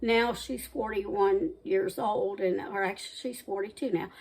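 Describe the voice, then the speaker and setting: Speaking at an unhurried pace with a steady tone, a sixty-something woman from the American South talks through her home cooking video, drifting chattily into tangents. Her medium-pitched voice has vocal fry, a slightly mellow quality, and a breathy edge, and her Southern accent carries Midwestern traces. The audio is poor.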